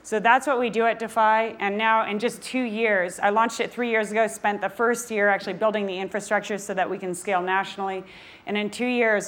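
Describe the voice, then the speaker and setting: A woman who founded a nonprofit, giving a passionate, energetic talk on stage while presenting slides. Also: medium pitch.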